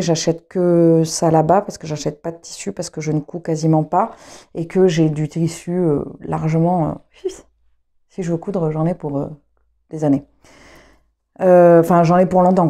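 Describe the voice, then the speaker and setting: A woman's voice: low voice, steady tone, normal speed, dark tone. A young adult woman from France chatting casually to camera, rambling with many fillers and restarts. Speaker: knitting vlogger and trumpet player.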